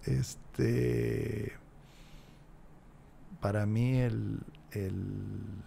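A gravelly, dark-toned man in his sixties, speaking as a podcast guest. He talks in a reflective yet emphatic way, often restarting his sentences, close on a desk mic in a small studio. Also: fairly low pitch, steady tone, very slow, slight background noise. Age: 60s. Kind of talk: casual interview chat. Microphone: large desk mic, headphones.

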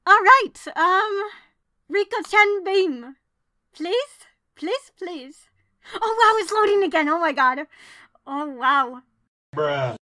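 A woman giving excited, pleading commentary while pulling cards in a mobile game. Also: very high voice, slow pace, long pauses, no room sound. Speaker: gacha scouting video creator.

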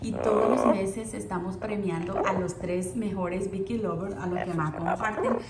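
A woman's voice: lowish voice, big pitch swings, normal speed, vocal fry. Cooing woman vlogger in an echoey room. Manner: coos affectionately at her parrot and cat. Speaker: pet vlogger, parrot owner. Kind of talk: casual vlog chat with pets. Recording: echoey room with loud background noise.

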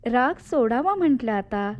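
A devoted, anxious wife in a radio drama, gentle and pleading as she answers her husband. Her voice sits fairly high. The recording has the dull, lo-fi sound of an old broadcast. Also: lively intonation, unhurried. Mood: worried. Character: devoted young wife, later an elderly narrating widow.

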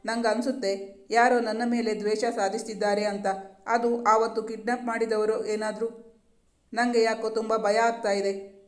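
A worried young woman, fearful and pleading, spoken in a flat, level way, as a storyteller reads her. An echoey room surrounds the storybook reading. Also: on the high side, normal speed, natural voice. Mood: afraid. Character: young female student, anxious and tearful.

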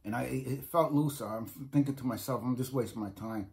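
Fairly quick and darkish in tone, this middle-aged man's mid-range voice carries a New York accent as he rambles through a casual food review. He films on a close phone or webcam in a small home room, often repeating himself and restarting sentences.

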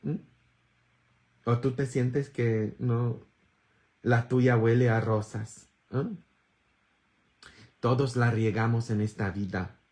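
Slow, bantering priest. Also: male voice, medium pitch, steady tone. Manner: bantering, earthy humor, constant tag questions; sudden loud emphatic bursts. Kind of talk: informal sermon.

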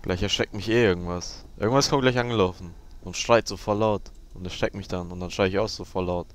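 A young man giving casual let's play commentary, sarcastic and crude, who yells when the game startles him. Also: low-pitched, fairly even intonation, fairly quick, a little hiss or hum.

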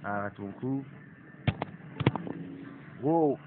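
With drawn-out words at a medium pitch, a young man from Québec who has a cold gives laid-back commentary on a mobile racing game for his YouTube channel. He swears and apologizes along the way; the audio is phone-quality and faintly hissy.

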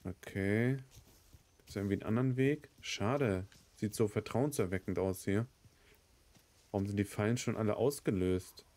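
A cold has this thirty-something let's play host coughing as he narrates his game in a lowish, darkish voice at an ordinary pace. His commentary is casual and sweary, mostly muttered reactions.

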